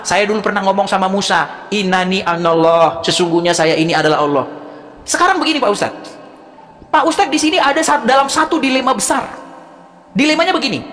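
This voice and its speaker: Woman debater, mocking and insistent, slightly high voice, long reverb on the recording. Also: fairly bright tone. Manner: mocking, insistent, repeats points. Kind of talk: heated online religious debate.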